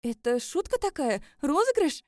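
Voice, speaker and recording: A woman's voice: high voice, normal speed, warm tone, dry recording, clean studio sound, voice pushed up, natural voice. A woman voicing a young woman in love who pleads tearfully and desperately, in an audiobook. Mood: pleading. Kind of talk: audiobook character voice.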